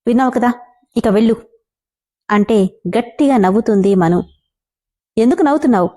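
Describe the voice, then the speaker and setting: A woman's voice: fairly high pitch, moderate pace, warm tone. A woman reading a romance story aloud, telling the dialogue of both lovers with feeling. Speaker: story narrator.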